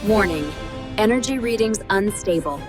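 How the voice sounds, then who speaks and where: A woman voices an alert, computer-like assistant from a sci-fi adventure. The warnings are formal and clipped at a medium pitch, with clear music underneath. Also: animated, moderate pace, natural voice. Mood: cautioning. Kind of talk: AI-generated sci-fi adventure trailer acting.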